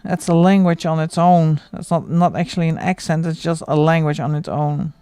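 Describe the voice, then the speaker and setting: Colouring on her livestream, a middle-aged host from the Netherlands chats casually in a Dutch accent and laughs frequently. She has a low, dark, smooth voice with flat delivery at a normal speed, on a dry recording.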